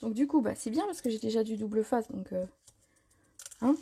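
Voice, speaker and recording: A woman hosting a live craft tutorial, chatting casually, answering viewer comments and filling pauses with little words as she works. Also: a little high, mellow, slightly rough. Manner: chatty, reads viewer comments aloud, frequent fillers. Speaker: crafting demonstrator. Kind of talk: live stream tutorial chat.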